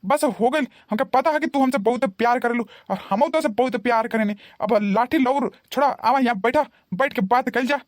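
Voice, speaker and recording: A woman's voice: fairly high pitch, moderate pace, hardly any pauses, no echo, studio quality, close to an everyday voice. A woman voicing an aging cartoon husband who coaxes his wife and stammers through excuses, with a Bhojpuri accent. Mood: pleading. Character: aging husband, pleading and wheedling. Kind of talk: cartoon voice acting.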